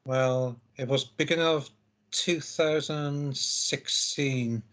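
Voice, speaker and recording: A man co-commentating a live game, measured and reflective as he chimes in on plays. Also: medium pitch, a bit bright.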